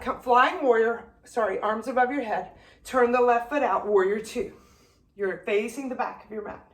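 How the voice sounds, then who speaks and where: Leading a yoga flow class, this woman speaks in a fairly high voice that sounds roomy. She gives calm, directive cues and gets slightly out of breath at times while moving through the poses.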